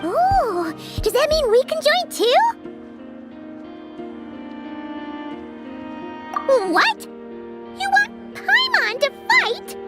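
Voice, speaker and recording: A woman voicing a small, excitable, boastful fairy companion in a video game, with music behind the voice. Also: very high voice, slow pace, heavily acted. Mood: excited, startled. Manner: refers to self in third person, exclamatory.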